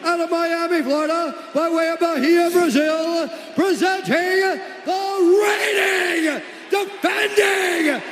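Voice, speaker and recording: A man working as a ring announcer, booming out theatrical fight introductions and stretching names and titles. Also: slow, fairly bright tone, shouting. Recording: echoey arena PA, long reverb, crowd noise. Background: cheering arena crowd.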